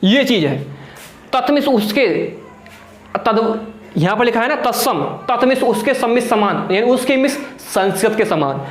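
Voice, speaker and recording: Young male tutor, high voice, echoey room. Urgent, pep-talking, asks his own questions and answers them, sweating as he teaches. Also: lively intonation, normal speed, slight background noise. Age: young adult. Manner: exhorting, calls viewers friends and brother, asks then answers own questions. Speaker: Hindi grammar teacher. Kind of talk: exam-prep whiteboard lesson.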